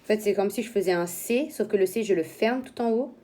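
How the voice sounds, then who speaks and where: A woman teacher talking young children through handwriting, step by step, in slow and simple words. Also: medium pitch, mellow.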